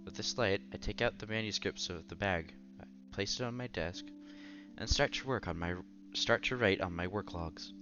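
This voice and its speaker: Game music plays beneath this streamer's somewhat low voice as he reads a visual novel at a normal speed, the highs cut off. He switches between narrating and chatting casually, breaking off now and then to react.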